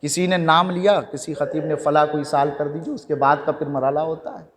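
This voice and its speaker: A man's voice: a little high, steady tone, a crowd in the background. A man preaching a sermon at a mourning gathering, repeating phrases in a call-and-response style in a mosque hall. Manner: repetitive call-and-response preaching, climbing to shouts. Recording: echoey hall with long reverb.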